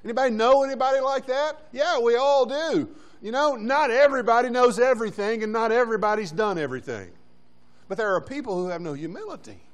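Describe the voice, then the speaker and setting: A high-voiced man preaching a sermon in a church, pressing his congregation with short repeated commands. He keeps asking them questions, and he is out of breath. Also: animated, brisk. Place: church sanctuary.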